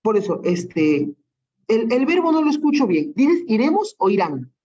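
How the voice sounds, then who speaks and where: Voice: mid-range voice, sing-song, moderate pace, mellow, highs cut off. A teacher with a Peruvian accent giving a class, patiently running through many examples and checking in with frequent tag questions. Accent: Peruvian Spanish. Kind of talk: online class lesson.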